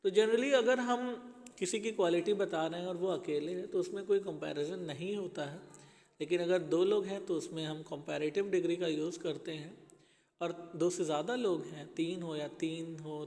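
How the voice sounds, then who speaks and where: A man's voice: on the high side, moderate pace, a little mellow, long reverb tail. A man teaching an English grammar lesson to schoolchildren, explaining patiently and speaking to them as children.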